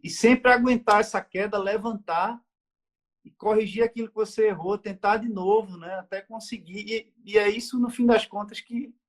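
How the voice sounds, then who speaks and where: A man hosting an interview series, speaking reflectively and pausing often with fillers. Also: high-pitched. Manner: hesitant, many fillers. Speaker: diplomat, interview host. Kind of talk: reflective conversation.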